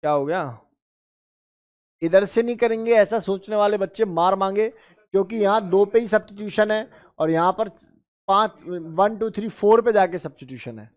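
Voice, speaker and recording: A man teaching chemistry exam prep to students, who calls them beta and bhai, counts positions out loud in a drilling rhythm and answers his own questions. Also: high voice, moderate pace, clear, resonant tone.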